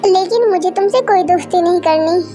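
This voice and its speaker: A woman's voice: very high-pitched, brisk, dark tone, soft background music. A woman voicing a curt, aloof young man in a fan story. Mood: cold. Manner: curt, dismissive. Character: cold aloof young man, loner bad boy.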